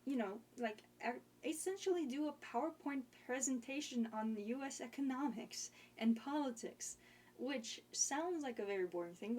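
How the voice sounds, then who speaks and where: A woman's voice: on the high side, a little mellow, a little hiss or hum. A young woman streamer in casual chat, rambling and hesitant with lots of fillers.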